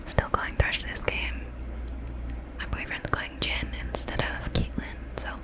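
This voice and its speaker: A young woman speaks entirely in a whisper, her s sounds coming out with a whistle. She streams game commentary in an ASMR style, rambling casually and often putting herself down. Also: measured pace. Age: young adult. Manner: casual, rambling, self-deprecating.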